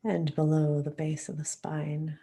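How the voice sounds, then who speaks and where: A woman with a deep voice guides a meditation, speaking softly, calmly and soothingly at an unhurried pace. She leaves long pauses and breathes at the ends of her phrases.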